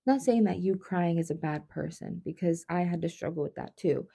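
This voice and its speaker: A woman co-hosting a podcast, talking softly and reflectively in casual chat about a hard personal time. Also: fairly low pitch, moderate pace, vocal fry, husky. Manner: soft-spoken, emotional, reflective. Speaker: podcast co-host.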